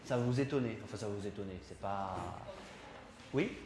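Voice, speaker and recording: A man's voice: on the low side, fairly quick. Male teacher in an echoey classroom. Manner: explanatory, chatty, asks the class questions. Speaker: English teacher. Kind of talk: classroom lesson. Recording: roomy classroom echo, faint noise.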